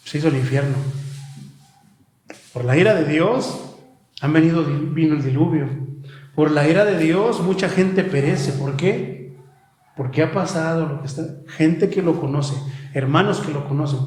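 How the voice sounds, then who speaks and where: A male pastor delivers a heated sermon in a high, ringing voice. The sound carries a roomy echo, as if from a church hall. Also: darkish tone. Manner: impassioned preaching, often calls out "brother". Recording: echoey room.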